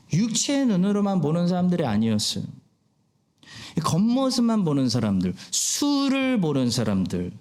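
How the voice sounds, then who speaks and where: A man preaching a Sunday sermon in a fairly high voice that rises and falls a lot. He explains step by step and puts rhetorical questions to the congregation. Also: a little mellow. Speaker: pastor. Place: church sanctuary.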